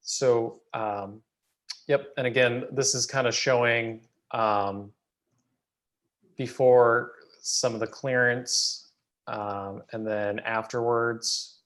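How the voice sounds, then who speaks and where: A man's voice: medium pitch, fairly even intonation, slow pace, a bit bright. A man speaking as a planning staffer, presenting applications at a public meeting in a matter-of-fact, procedural way. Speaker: city planning staff member.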